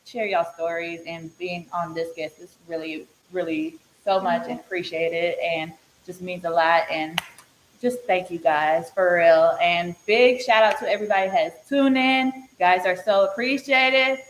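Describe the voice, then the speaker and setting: A woman podcast host giving a casual sign-off in a chatty, animated way that sometimes stumbles over its words. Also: fairly low pitch, moderate pace. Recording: echoey room with faint hiss.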